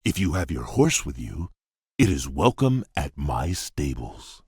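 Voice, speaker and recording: A courtly fairy-tale beast prince for a video game, with a deep and heavily husky voice. He speaks slowly and formally, gruff yet shy and earnest. The sound is close and dry. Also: very animated, darkish tone, dry recording, heavily acted. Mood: courteous. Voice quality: husky, deep, gravelly rumble. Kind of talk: video game character voice lines.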